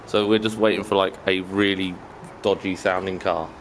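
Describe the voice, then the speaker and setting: A man's voice: low voice, level tone, normal speed, slight background noise. A young man in his twenties chatting casually to camera with dry, teasing banter, outdoors at a station car park and then in a moving car. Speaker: vlogger buying a car.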